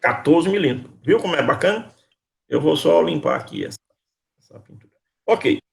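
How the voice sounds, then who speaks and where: A man's voice: fairly high pitch, sing-song, normal speed, gravelly. A man teaching a university class over a video call. He quizzes his students, calls on them by name and repeats his questions patiently. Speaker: university lecturer.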